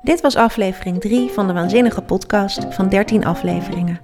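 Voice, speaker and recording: A woman hosting a children's book podcast, chatting with a child and reading aloud with lively expression. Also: mid-range voice, a little fast, over music.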